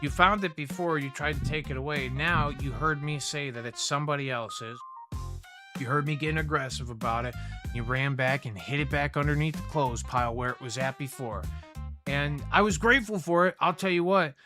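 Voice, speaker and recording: A man's voice: on the high side, moderate pace, music in the background. A man hosting a livestream, telling a rambling story casually, swearing freely and talking to viewers by name. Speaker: livestream host.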